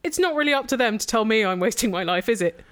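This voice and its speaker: A woman co-hosting a podcast who answers in a dry, wry way, quick with comebacks. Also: a little high, lively intonation, fairly bright tone. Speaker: podcast co-host. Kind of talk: casual conversational chat.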